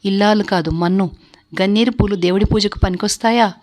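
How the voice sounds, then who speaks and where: A quiet, heartbroken young wife who holds back her tears and speaks softly and hesitantly, as a woman narrator voices her. Her words are restrained and sorrowful, in a spoken storybook. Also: mid-range voice, fairly even intonation, brisk, natural voice. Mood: bitter. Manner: soft, grieving, hesitant.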